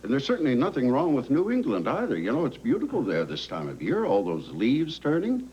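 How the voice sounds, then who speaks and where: An actor playing a reluctant, grumbling older husband in a soap opera, hesitant, on dull noisy vintage TV audio. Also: male voice, mid-range voice, wildly swooping pitch, a little fast. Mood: grumbling, evasive.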